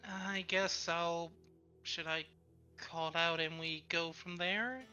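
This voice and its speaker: A man playing a tabletop game, chatting and joking quietly. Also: a little high, flat delivery, slow, clear, resonant tone, dull audio, soft background music. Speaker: player. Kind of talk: casual tabletop game chat.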